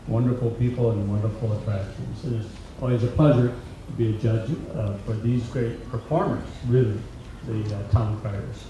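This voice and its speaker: A man's voice: fairly low pitch, steady tone, normal speed, muffled recording. An older man informally introducing himself to an audience in a wry, good-humored way. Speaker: competition judge. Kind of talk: informal public self-introduction. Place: event tent with seated audience. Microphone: handheld stage microphone. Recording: very echoey, distant, loud background noise.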